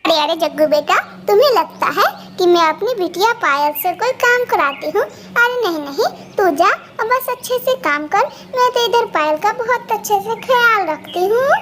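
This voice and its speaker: A woman doing a spiteful shrill crow mother-in-law. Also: moderate pace. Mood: sugary. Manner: harsh, scolding, shrill. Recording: steady background noise.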